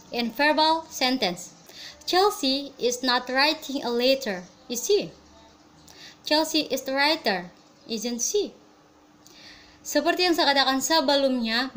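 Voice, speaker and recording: A young Indonesian woman giving a class grammar presentation, reading English examples slowly and explaining quickly. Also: high voice, a bit bright, rough recording. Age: young adult. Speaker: student presenter.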